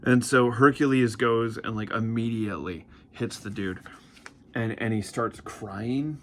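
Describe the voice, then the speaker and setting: Rambling, excited man reviewing comics. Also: medium pitch, measured pace, slight background noise. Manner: rambling and enthusiastic, full of fillers. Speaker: comic book reviewer host. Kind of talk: casual vlog chat.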